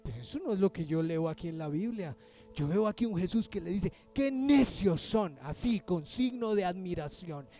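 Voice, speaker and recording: A man preaching a sermon as pastor, talking with the congregation through questions and swinging from loud emphasis to hushed near-whispers. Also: high voice, lively intonation, brisk, faint music behind. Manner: conversational, addresses the congregation with questions.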